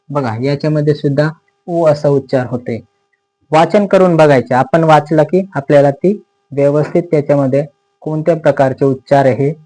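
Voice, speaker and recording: A man with a Marathi accent teaching English pronunciation in a slow explanatory lesson, repeating each word and its meaning patiently. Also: fairly high pitch, dark tone, poor audio.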